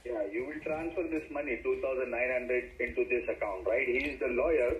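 A man's voice: medium pitch, fairly quick. A man on a phone line giving repetitive, insistent instructions in an official role. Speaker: phone scammer posing as an official. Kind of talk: scripted-sounding phone instructions.

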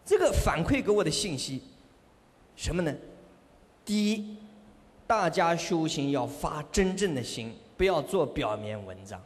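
A man giving a Buddhist sermon as a monk, telling lively stories with rhetorical questions and self-confession. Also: fairly high pitch, measured pace, pauses often. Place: monastery hall. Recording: long hall reverb.

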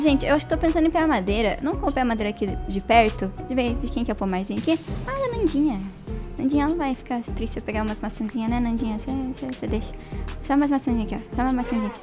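A young Brazilian woman chatting playfully through a Minecraft let's play, talking to viewers and game characters with sudden high squeals. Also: darkish tone. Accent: Brazilian Portuguese. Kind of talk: casual gameplay commentary.

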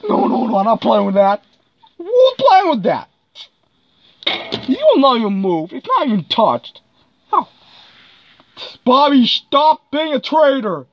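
A woman's voice: high voice, very animated, unhurried, long pauses, full character voice. A woman voicing a bossy, scatterbrained karate teacher who scolds the kids in a homemade toy skit. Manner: scolding, sing-song, swooping voice. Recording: dull lo-fi recording with faint noise.

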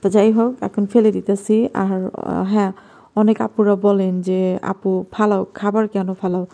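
Soft-spoken Bangladeshi woman, very dark voice. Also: medium pitch, little pitch movement, normal speed, lo-fi sound. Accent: Bangladeshi Bengali. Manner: talking softly and quietly at night. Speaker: vlogger cooking at home. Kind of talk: casual cooking vlog narration. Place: home kitchen at night.

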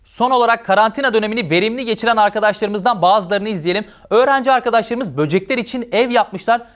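A man anchoring an educational news bulletin, presenting in a brisk, upbeat and encouraging way. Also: sits high, fairly bright tone.

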